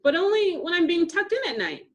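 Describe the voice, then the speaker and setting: A woman voicing a sweet, gentle, soft-hearted little girl who speaks mildly. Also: extremely high pitch, very animated, fairly quick, pitched above the performer's own voice.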